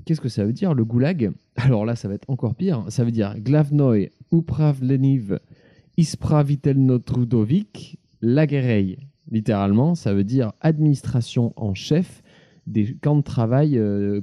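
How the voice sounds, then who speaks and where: Dark-voiced man explaining trivia. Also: medium pitch. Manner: chatty and didactic, checks in with listeners. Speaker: podcast reporter. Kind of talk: informal explainer segment. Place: indoors at home.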